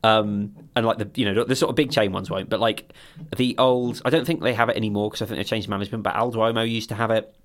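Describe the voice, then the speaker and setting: Low-pitched guy, casual podcast co-host, rambles and swears, loses his thread. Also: steady tone, fast talker. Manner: rambling, sweary, trails off mid-sentence. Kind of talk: casual chat.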